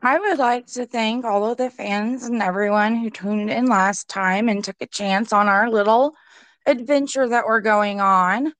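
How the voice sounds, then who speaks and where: Woman cohost talking real slow, higher voice, earnest. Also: fairly even intonation, a bit bright, no echo. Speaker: podcast co-host. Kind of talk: casual podcast chat.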